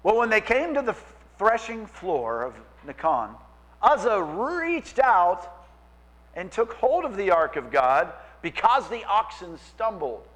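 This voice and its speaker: A man preaching a sermon as pastor, animated and acting out quoted voices. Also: high voice, slow pace, low-quality recording.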